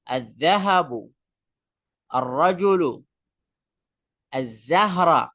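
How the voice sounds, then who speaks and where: A man teaching an Arabic lesson, drawing out each example word slowly and carefully for learners. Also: fairly high pitch. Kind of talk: language lesson.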